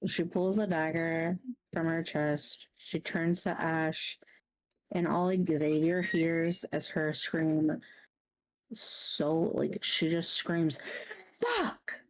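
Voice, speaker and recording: A woman playing a tabletop role-playing game, describing her character's actions in a relaxed way with many fillers. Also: low voice, slow pace, rough recording. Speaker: player. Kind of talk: casual tabletop role-play.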